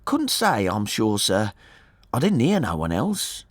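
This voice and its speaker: A man's voice: lowish voice, wildly swooping pitch, a little slow, dry recording, studio quality, full character voice. A man reading an audiobook, voicing an anxious, talkative working-class married woman who speaks colloquially and deferentially. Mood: uneasy, insistent. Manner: chatty, colloquial, deferential, saying sir often. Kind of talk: audiobook character voice.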